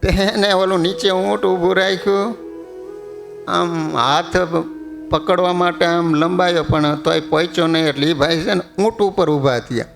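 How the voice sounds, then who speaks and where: A man preaching a sermon, telling humorous stories and chanting verses slowly. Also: sits high, fairly even intonation, creaky, a bit bright, soft background music. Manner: storytelling, quotes verses in slow chant.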